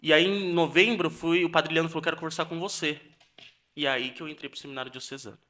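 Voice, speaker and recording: A young Brazilian man, a seminarian, giving an earnest personal testimony on a podcast, halting and restarting as he tells it. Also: fairly high pitch, pushed and bright. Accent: Brazilian Portuguese. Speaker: seminarian guest.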